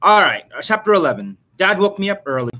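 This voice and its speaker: A man's voice: high-pitched, very animated, quick pace, noisy background. A man reading a novel aloud in a casual, upbeat way, stumbling now and then and restarting words.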